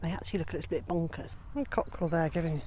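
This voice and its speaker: A woman in her fifties, a homesteading vlogger, chatting casually outdoors by her chicken pens, gently amused and sometimes talking to her birds. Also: deep voice, racing, a little hiss or hum. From Wales. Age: 50s. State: out of breath. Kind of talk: casual vlog narration.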